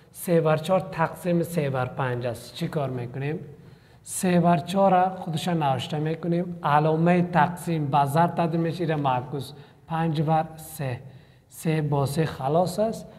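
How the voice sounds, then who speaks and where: A man's voice: on the high side, darkish tone, big-room sound. A man teaching a math lesson, talking students through worked examples step by step in an encouraging way.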